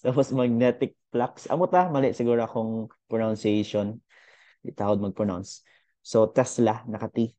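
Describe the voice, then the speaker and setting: A young man teaching a casual online physics lesson. His voice sits a little low and sounds mellow and warm, recorded dry and close. He talks in a chatty way, thinking aloud with fillers. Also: no room sound.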